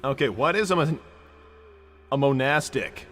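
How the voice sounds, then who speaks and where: Bright, cocky young hedgehog hero, voiced by a man. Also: medium pitch, lively intonation, unhurried, slight background noise. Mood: casual, decisive. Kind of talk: improvised character roleplay on a livestream.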